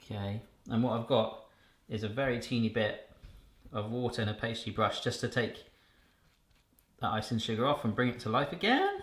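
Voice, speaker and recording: Pitched in the mid range and a bit bright, this man's voice is very animated but moves at a moderate pace with long pauses. He's hosting a casual kitchen vlog, joking as he explains each baking step, in an echoey room with faint noise.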